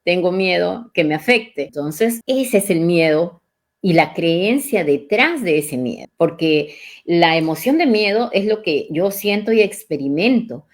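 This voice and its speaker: A woman's voice: lowish voice, animated, measured pace. A woman hosting a live coaching talk, speaking reflectively and asking the listener questions. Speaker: neuro-coach host. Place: live online session.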